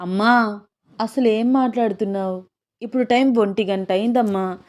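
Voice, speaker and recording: A woman's voice: medium pitch, moderate pace, a little mellow, natural voice. A woman voicing a shy young wife in a romantic audio story, bashful and pleading. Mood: protesting.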